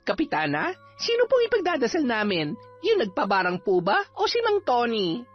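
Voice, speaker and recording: A woman plays a nosy village gossip in a horror audio drama, hushed and cheeky as she spreads rumors. The voice is fairly high, though dipped lower here. The recording is slightly dull, with faint music. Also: wildly swooping pitch, moderate pace. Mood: gossipy.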